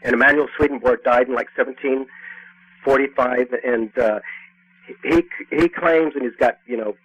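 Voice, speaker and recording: A man phoning in as a radio show caller, speaking haltingly and repetitively in an earnest, unscripted debate over the phone. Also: medium pitch, a bit bright, breathy edge. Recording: phone call on a talk show.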